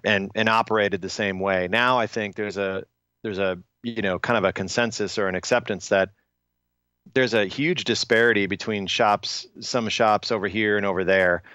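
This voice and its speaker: A man talking as a guest in a podcast interview, measured and explanatory, with frequent fillers and restarts. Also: fairly low pitch, fairly bright tone, clear, resonant tone, no room sound, dull audio. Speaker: industry guest.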